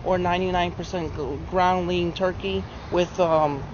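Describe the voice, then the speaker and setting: A young man answering questions outdoors in a parking lot, halting and full of fillers and restarts. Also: sits high, fairly even intonation. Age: young adult. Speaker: client on a diet plan. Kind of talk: casual outdoor interview. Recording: dull audio with outdoor noise.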